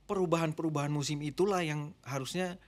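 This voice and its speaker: A middle-aged man, a pastor and marriage mentor, talking easily as a guest on a podcast, explaining in a relaxed way. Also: on the high side, quick pace. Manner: relaxed, explanatory, drifts between formal and slangy Indonesian. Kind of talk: casual podcast conversation.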